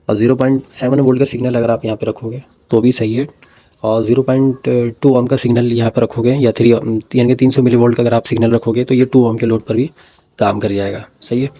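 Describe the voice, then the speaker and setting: A man hosting an electronics tutorial, walking through a circuit diagram in a casual way with pauses and repeated "ٹھیک ہے" check-ins. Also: medium pitch, little pitch movement, dark tone.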